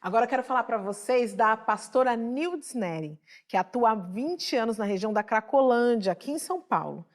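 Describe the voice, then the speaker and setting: Fairly high-voiced woman talk show host. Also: animated, normal speed, few pauses. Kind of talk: TV studio conversation.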